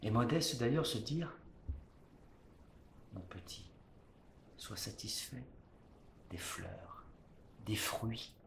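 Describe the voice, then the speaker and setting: In the role of a defiant, proud poet-swordsman, a man performs a classical French stage monologue in verse, hammy and theatrical, shifting from hushed to booming, though close to an everyday voice. There's a roomy echo and faint background noise.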